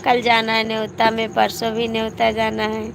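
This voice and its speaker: A woman's voice: fairly high pitch, monotone, normal speed, vocal fry, noisy background. A woman with a cough and cold, chatting casually and teasing viewers on a live stream, laughing often, with an Awadhi accent.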